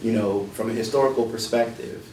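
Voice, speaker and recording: Even, low-pitched male discussion facilitator. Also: brisk. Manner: articulate, formal, academic wording. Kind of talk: measured discussion moderating. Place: small indoor meeting room. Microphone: far camera or room mic. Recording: distant, echoey room, faint noise.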